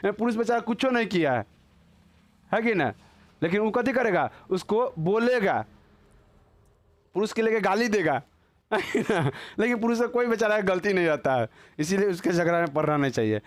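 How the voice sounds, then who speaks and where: A man's voice: high-pitched, dry recording. A man with a Bihari accent teaching a class, constantly quizzing his students in a chatty, joking way. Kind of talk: classroom lecture.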